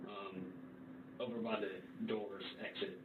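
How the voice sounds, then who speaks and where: Young guy in a police interview, rambling and halting, lowish voice, echoey noisy room. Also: level tone. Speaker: suspect being interviewed. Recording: distant roomy, tinny, noisy interview recording.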